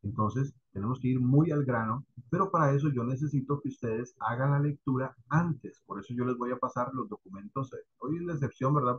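A man's voice: mid-range voice, husky, muffled recording. A man with a Costa Rican accent teaching an online class, explaining patiently and checking in with students often. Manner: explanatory, addresses students directly with frequent "¿verdad?" and "¿ok?".

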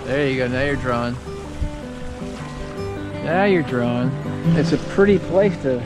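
A man's voice: mid-range voice, measured pace, loud music behind the voice. A man captaining a sailboat, casually chatting and giving sailing instructions outdoors on the deck. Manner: relaxed, coaching.

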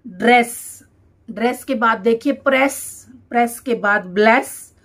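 Woman, dictation teacher, very slow, high voice, repeats each word. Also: a bit bright.

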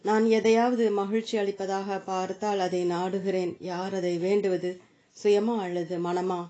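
An earnest seeker asking about the mind and the self, voiced by a woman reader. The questions come in a plain, even way with a warm, relaxed tone. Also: mid-range voice, measured pace, lightly acted. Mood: questioning.

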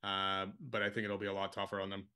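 Bright-voiced, easygoing man. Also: low voice, flat delivery, quick pace, clean tone. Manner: easygoing, hesitant with many uh fillers. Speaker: podcast co-host. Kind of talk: casual sports chat.

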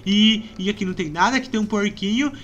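Shrill excitable Brazilian gamer guy. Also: fast talker, highs cut off, a little hiss or hum. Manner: excitable, breaks into frightened screams and cries. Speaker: gaming YouTuber. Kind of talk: let's play commentary.

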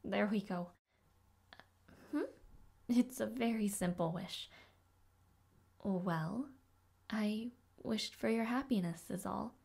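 In an audio roleplay addressed to the listener, a woman voices a devoted young maid of noble birth, speaking politely and formally with shy, flustered hesitations. Her mid-range voice is slow, creaky, slightly rough and exaggerated, with long pauses. The mood is gentle and wistful, her diction formal and soft-spoken.

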